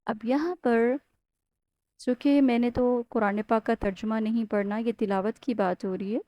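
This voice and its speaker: A woman from Pakistan, teaching Quran recitation step by step. She explains patiently, often checks in with the learner, and slowly chants Arabic words as models. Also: on the high side, fairly even intonation, dark tone, no room sound. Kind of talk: step-by-step Tajweed lesson.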